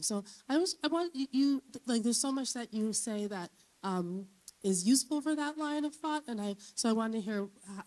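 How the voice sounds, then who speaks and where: A woman in a conference audience asks a long question, her voice going hoarse. She searches for words and corrects herself as she goes. Her pitch sits in an ordinary middle range. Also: a little mellow, poor audio. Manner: earnest, searching, self-correcting. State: losing her voice. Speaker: audience member asking a question. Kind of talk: academic question.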